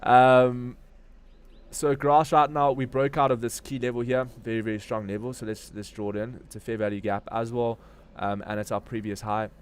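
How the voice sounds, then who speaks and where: Clear and resonant, this mid-range male voice keeps a level tone at normal speed. It belongs to a crypto trading stream host from Durban, South Africa, who offers relaxed, slangy market commentary in a South African accent as he thinks aloud.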